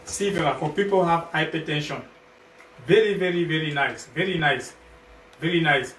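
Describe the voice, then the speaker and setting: This guest presenter, a man from Cameroon who sells health products as a partner, pitches casually on a livestream in his Cameroonian accent. He speaks haltingly, going back over phrases and rewording them again and again, with a fairly high, fairly bright voice. Audio comes through a distant mic with echo and noise.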